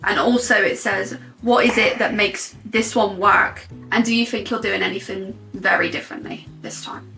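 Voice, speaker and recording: Woman asking questions casually, sharp bright tone, noticeable vocal fry, light music behind. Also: mid-range voice, steady tone, normal speed, few pauses, poor audio. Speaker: off-camera question reader.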